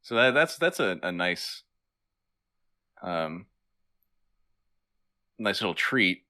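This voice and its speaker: A man co-hosting a podcast in casual chat, hesitant and quick to laugh. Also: deep voice, sing-song, pushed and bright. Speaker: podcast co-host.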